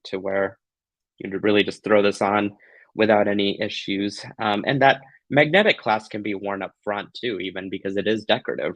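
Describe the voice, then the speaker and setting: A man with a slightly low voice in a close, dry recording hosts a craft tutorial. He is gushing and affectionate with his viewers, talking in a casual, playful, giggly way. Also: a bit bright, dry recording, rough recording.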